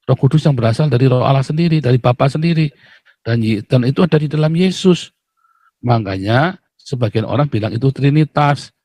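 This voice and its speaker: A man's voice: medium pitch, lively intonation, brisk, mellow, dry recording. Host, man, preachy and scornful, mid-range voice, dry room. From Indonesia. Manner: blunt, mocking, lecturing, addresses viewers as "saudara". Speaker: live stream host. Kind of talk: live stream religious commentary.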